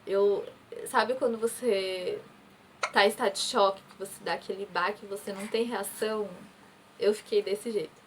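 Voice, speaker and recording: A young woman from Brazil recounts her own story straight to camera, earnest and conversational, slipping into the words of the people she quotes. Her pitch sits in an ordinary middle range. A steady background noise runs under her voice throughout. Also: normal speed. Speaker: vlogger.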